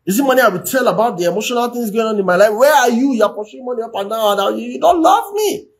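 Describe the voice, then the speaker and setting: Frustrated wife, voiced by a man, pleading rhetorical questions, pitch pushed up. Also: animated, fast talker. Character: frustrated lonely wife, adult woman.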